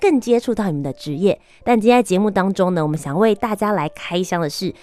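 A woman's voice: mid-range voice, animated, quick pace, darkish tone, no echo. A woman hosting a show and interviewing a guest in a presenter's style. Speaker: host.

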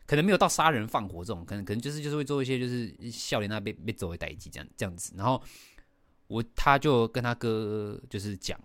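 A middle-aged man with a Taiwanese Mandarin accent hosts a casual podcast and rushes through a story with fillers and bursts of laughter. His voice sits a bit low. The recording is close and dry, with no room sound. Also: no room sound. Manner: animated, with frequent fillers and laughs. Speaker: podcast host.

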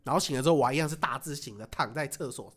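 A man telling a story in casual chat, animated, laughing often and acting out what he said. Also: medium pitch, racing. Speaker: podcast co-host.

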